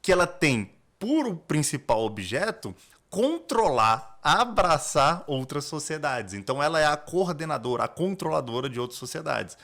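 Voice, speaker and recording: Brazilian man, lawyer guest; didactic, restart-prone delivery with an animated, swinging pitch. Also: normal speed, vocal fry. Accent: Brazilian Portuguese. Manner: didactic, explains step by step with many restarts. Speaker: corporate lawyer, podcast guest. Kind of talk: explanatory interview talk.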